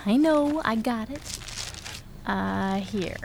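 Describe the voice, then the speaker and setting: A woman's voice: fairly high pitch, slow, vocal fry, slight background noise. An actress playing a blunt teenage girl with a dry, sarcastic way of talking.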